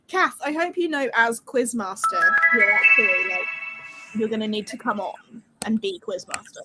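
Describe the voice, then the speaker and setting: A woman's voice: medium pitch, moderate pace, over music, low-quality recording. A British woman chatting casually as a livestream host, informal and dryly sweary. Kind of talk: casual chat. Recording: home livestream with faint background noise.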